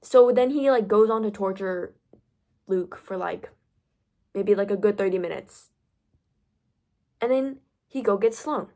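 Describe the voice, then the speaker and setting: A woman's voice: medium pitch, measured pace, pauses often, warm tone. A young woman giving a casual, profane rant about a book plot, packed with "like" fillers. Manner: profane, filler-heavy storytelling. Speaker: book vlogger.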